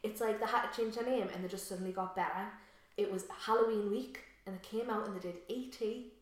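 A woman co-hosts a casual podcast chat at a mid pitch. She is enthusiastic and gushing, quick to gasp and laugh. Her voice bounces around a very echoey room. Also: steady tone. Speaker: podcast co-host.

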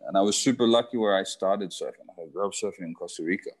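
Deep-voiced man rambling in interview. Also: fast talker. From Zimbabwe. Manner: rambling, lots of fillers. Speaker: guest, surfer. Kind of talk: casual interview talk.

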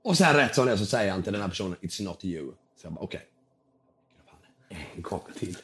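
A young man with a slightly hoarse voice tells an animated story as a podcast guest. He acts out the people in it, jumping widely in pitch for their quotes.

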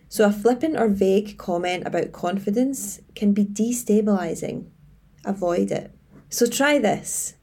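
Female coach presenting structured advice, measured and tidy, with a mellow tone and gravelly fry. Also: mid-range voice. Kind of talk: scripted advice presentation to camera.

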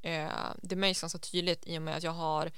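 Young woman in relaxed podcast chat. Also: deep voice, smooth, no room sound, clean studio sound. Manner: relaxed, chatty, drops English phrases. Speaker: podcast co-host. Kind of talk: casual storytelling chat.

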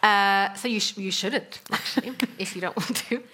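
A woman's voice: medium pitch, moderate pace, pushed and bright. A woman from Sudan, an author speaking as a guest, talking thoughtfully with frequent fillers. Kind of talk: conversational talk.

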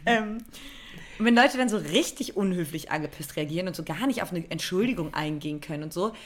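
Woman, German accent, podcast co-host, casual storytelling, lively pitch. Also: a little fast. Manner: animated anecdote telling with quoted voices.

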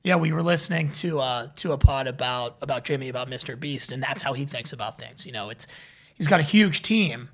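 A man's voice: medium pitch, brisk, fairly bright tone. A man with an ordinary mid-range voice hosts a business podcast. He rambles through his questions, circling back and repeating words before he reaches the point. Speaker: podcast host. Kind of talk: interview questions and commentary.

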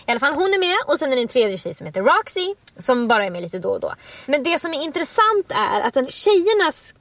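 A woman's voice: high-pitched, sing-song, fairly bright tone, no room sound. A young woman co-hosting a podcast, chatting casually and telling stories animatedly, acting out quotes. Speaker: podcast host. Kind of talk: casual chat.

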